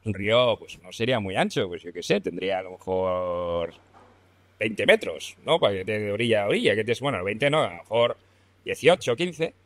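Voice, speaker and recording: A young man from Spain with a fairly low voice tells an anecdote on a podcast, laughing and cursing as he goes. His Spanish accent comes through in casual slang. The sound is dry and close, with no room echo. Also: moderate pace. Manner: lively, laughs often, colloquial swearing. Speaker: podcast guest. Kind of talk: casual storytelling.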